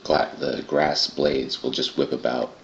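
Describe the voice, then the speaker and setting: Very deep, gravelly man in casual tutorial. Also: level tone, a little slow. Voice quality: gravelly, throaty. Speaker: tutorial presenter. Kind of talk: casual software tutorial narration. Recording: muffled, roomy home recording with clear noise.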